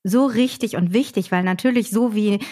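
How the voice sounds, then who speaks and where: A woman hosting a podcast conversation, speaking in a thoughtful, measured way while searching for words. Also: mid-range voice, mellow. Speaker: podcast host.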